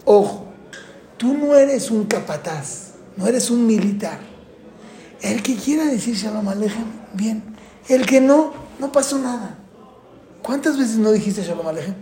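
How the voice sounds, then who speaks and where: An older man giving a lively, teasing religious talk to parents and acting out little scenes. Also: sits high, unhurried, long pauses. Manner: animated, teasing, acts out scenes. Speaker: religious teacher. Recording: echoey room.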